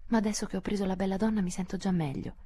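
Beth: a woman voicing a gentle, hushed teenage girl. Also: medium pitch, steady tone, racing, husky, pitched above the performer's own voice, close to an everyday voice. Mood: anxious. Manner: soft, hushed, near-whispered. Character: gentle shy teenage girl, frightened and sorrowful. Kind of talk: audiobook character voice.

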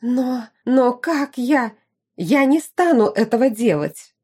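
Shrill indignant duchess, read by a woman. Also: lively intonation, takes it slowly, a little mellow, slightly rough, heavily acted. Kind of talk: audiobook character reading.

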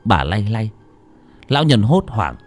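A man narrating a horror story in an expressive, dramatic style. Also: on the low side, a little slow. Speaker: audiobook narrator.

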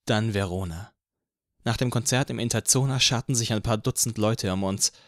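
A man narrating an audiobook in the first person with an even, measured reading from a close studio mic. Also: on the low side, dry recording.

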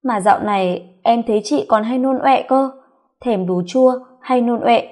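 A woman's voice: on the high side, moderate pace, darkish tone, close to an everyday voice. A woman voicing a chatty, nosy young female coworker who teases and pries. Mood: teasing. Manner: teasing, prying.

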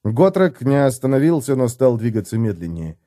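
A man reading fantasy fiction in steady, measured scripted narration for an audiobook. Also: medium pitch, dry recording, clean studio sound.

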